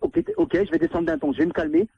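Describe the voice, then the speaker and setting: A man's voice: very high-pitched, huge pitch swings, fast, vocal fry. A man who is being pranked, angrily ordering the caller out and repeating himself. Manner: angry, insistent, repeating himself. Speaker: prank call victim, landlord. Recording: muffled dry phone line.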